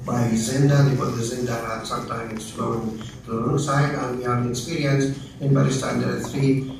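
A man speaking at a panel in a lecture room, halting, with non-native grammar. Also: mid-range voice, flat delivery, vocal fry, noisy background. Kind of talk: public talk at a panel. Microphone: far camera. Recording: echoey room from far off.

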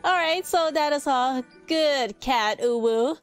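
A young woman commentating on a game as a gushing, cutesy, excited anime fan. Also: sits high, slow, soft background music. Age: young adult. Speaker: gaming streamer. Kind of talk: gameplay commentary. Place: small indoor room with plush toys.

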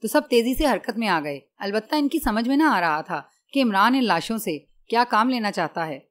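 A woman narrating an audiobook novel in a steady, even storytelling voice. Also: on the high side, moderate pace.

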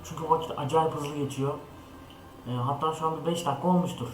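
A man's voice: on the high side, fairly even intonation, fast. Jittery young man narrating a horror game. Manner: jittery, talks to viewers, frequent scared remarks. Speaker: gaming channel host. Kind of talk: horror game let's play commentary. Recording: echoey room with noise.

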